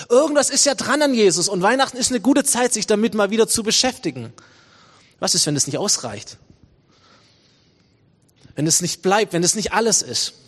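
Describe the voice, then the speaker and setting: A man preaching a sermon in a church, conversational and full of rhetorical questions and emphatic repetition. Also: high voice. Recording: long church reverb.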